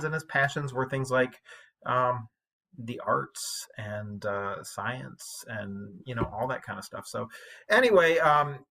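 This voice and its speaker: A man delivers an informal English lecture, explaining things conversationally and colloquially, much like a high school teacher. His tone is bright and forceful.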